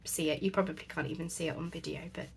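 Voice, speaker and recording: Casting note: woman, crafting host, relaxed rambling chat with a gravelly edge and faint background noise. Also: sits low, rapid-fire. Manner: chatty, thinks aloud with many fillers.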